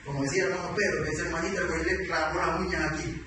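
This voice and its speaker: A man with a highish voice races through a sermon teaching doctrine, keeping a level tone but speaking emphatically and posing rhetorical questions. Captured from far away in a big church hall, the sound is heavily echoed with constant background noise.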